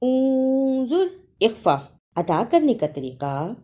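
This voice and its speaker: Woman tajweed teacher, soft warm voice, slow sung recitation then fast letter by letter explaining. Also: medium pitch, animated. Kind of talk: tajweed lesson, chanted recitation with spoken explanation.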